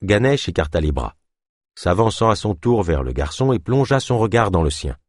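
Low, expressive male audiobook narrator. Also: no room sound, studio quality. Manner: measured, expressive reading. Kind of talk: scripted narration.

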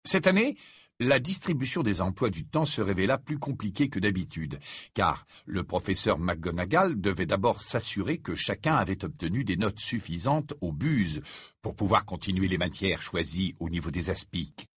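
A man reading a novel aloud as an audiobook narrator, expressive and dramatic. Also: moderate pace, husky, no room sound, clean studio sound. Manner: expressive reading with wide swings of pitch. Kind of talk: scripted narration.

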